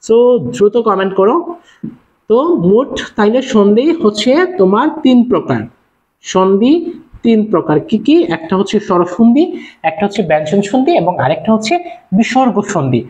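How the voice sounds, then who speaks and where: A young man from Bangladesh teaching an online class, repeating his points and firing quick questions at his viewers. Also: high voice, animated, darkish tone. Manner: fast, repetitive, calls out questions to viewers. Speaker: online tutor. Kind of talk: live-streamed class lecture. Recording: dull lo-fi stream audio.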